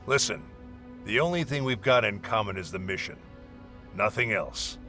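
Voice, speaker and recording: Curt, scornful, forceful warrior commander. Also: male voice, on the low side, animated, moderate pace, faint music behind. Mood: contemptuous, bitter. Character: hostile, bossy male warrior leading a dangerous scouting mission. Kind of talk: video game dialogue acting.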